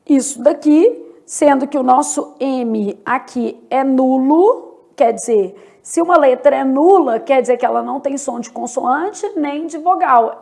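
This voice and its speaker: A Brazilian woman teaching a Portuguese grammar lesson, slow and deliberate, asking questions and answering them herself. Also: high voice, darkish tone. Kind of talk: exam-prep grammar lesson.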